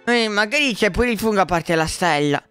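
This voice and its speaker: Man doing a little boy voice, high, very lively, excitable, shouty, music behind. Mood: eager. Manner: excitable, shouty, quick to apologize. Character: excitable little boy who thinks he is Mario. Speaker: roleplay video maker. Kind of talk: Minecraft roleplay acting. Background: background music.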